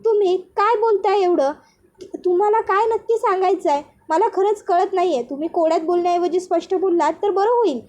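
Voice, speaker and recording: A woman voicing a young husband who is anxious and quick to anger, pressing with questions in a plain reading voice. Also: very high-pitched, a little mellow.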